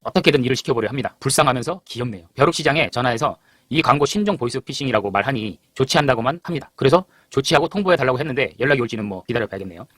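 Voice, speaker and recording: Fast-talking man narrating, dry sound. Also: medium pitch, expressive, fairly bright tone, dry recording. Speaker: narrator, video creator. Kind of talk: explanatory voice-over narration.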